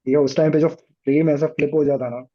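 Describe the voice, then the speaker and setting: A man's voice: a little high, fairly even intonation, a little fast. A man giving practical dating advice in a casual podcast chat, mixing Hindi with English. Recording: dull lo-fi audio.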